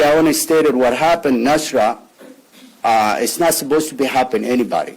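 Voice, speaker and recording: A man from Somalia, speaking as a father at a press conference in halting English, often repeating words and restarting his sentences. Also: medium pitch, darkish tone, rough recording. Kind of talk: emotional press conference statement.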